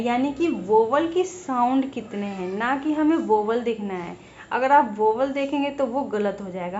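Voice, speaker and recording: Slow high-voiced woman teaching. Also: muffled recording, slight background noise. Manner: patient, spells out sounds and self-corrects. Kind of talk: explaining to students.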